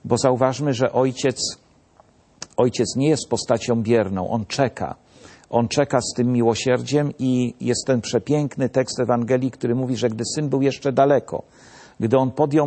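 A man speaking in a measured, emphatic tone, delivering religious commentary. He leans on repetition to drive each point home, with a steady mid-range voice. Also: medium pitch. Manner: measured, emphatic, repeats key phrases.

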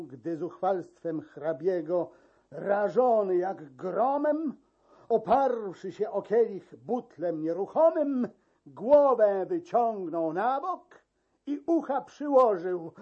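A man reading narrative verse aloud in a slow, expressive storytelling manner. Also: sits high, slightly rough. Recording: dull lo-fi recording.

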